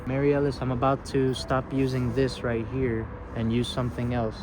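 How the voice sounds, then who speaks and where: A man's voice: mid-range voice, monotone, moderate pace. A man hosting a paranormal investigation, speaking casually and coaxingly as he addresses spirits and explains what he is doing. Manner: polite, coaxing, addresses the unseen directly. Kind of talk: casual narration and gentle questions to spirits. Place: outdoors at a roadside parking lot grave site. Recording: clear outdoor traffic and ambient noise.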